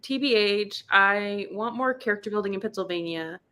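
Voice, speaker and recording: On her casual book chat livestream, this host talks at a moderate pace in a medium-pitched voice with a sharp tone. Her style is slangy, playful and exclamatory, and she reads internet abbreviations out letter by letter.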